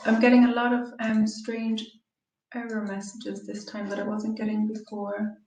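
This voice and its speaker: A woman's voice: on the high side, monotone, moderate pace, a little mellow. Echoey west of Ireland woman. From Galway, Ireland. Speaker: translator, guest speaker. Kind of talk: informal online presentation. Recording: roomy, echoey, distant microphone.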